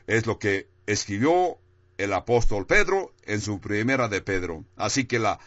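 Slow-speaking preacher man, dry and muffled. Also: expressive, a bit bright, dry recording. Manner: preaches slowly and deliberately, rising for emphasis and dropping low on key phrases. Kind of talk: sermon.

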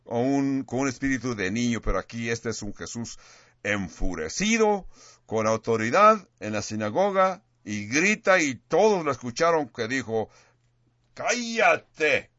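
A man's voice: mid-range voice, big pitch swings, normal speed, a bit bright, no echo. A man preaching from the pulpit in a mid-range voice, pressing hard on key words and circling back to repeat phrases. He sometimes stumbles and restarts a word. The recording is dry and muffled, with a lo-fi dullness. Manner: emphatic, stresses words and repeats phrases for effect. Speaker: pastor. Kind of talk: sermon.

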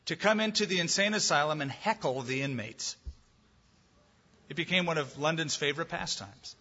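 A man's voice: a little high, pushed and bright, breathy edge, big-room sound, lo-fi sound. A male pastor preaching emphatically, asking the congregation questions and ending in prayer. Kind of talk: sermon and closing prayer.

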